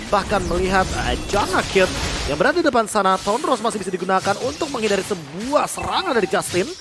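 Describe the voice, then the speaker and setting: Fast, high-voiced Indonesian male esports commentator. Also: very animated. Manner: analytical, wordy, mixing in English gaming terms. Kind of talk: live game commentary and analysis. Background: music.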